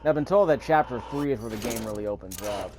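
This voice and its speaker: An expressive, fast-talking gaming host with a medium-pitched voice reads prompts aloud and rambles casually through his gameplay. Faint noise sits behind his voice.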